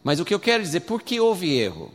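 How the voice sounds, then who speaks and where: A man's voice: sits high, wildly swooping pitch, fast talker. Man teaching scripture, hall echo. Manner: retells scripture conversationally with frequent tag questions. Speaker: Bible teacher. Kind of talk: informal Bible teaching.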